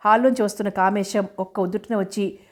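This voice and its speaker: A woman narrating a novel as an audiobook in a steady storytelling manner. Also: mid-range voice, quick pace.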